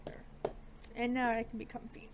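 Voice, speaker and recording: A woman making gaming videos, chatting slowly and playfully into a desk mic. Her voice sits on the higher side, and she pokes fun at herself with an offhand, profane streak. A faint background noise runs under the recording. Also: steady tone. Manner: playful, self-mocking, swears casually. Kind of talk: casual game commentary.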